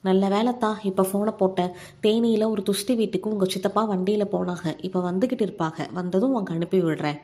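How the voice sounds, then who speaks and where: A woman's voice: mid-range voice, brisk, darkish tone, natural voice. A woman voicing an affectionate aunt, speaking fondly and chattily. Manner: fond, chatty. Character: older rural aunt, affectionate, homely.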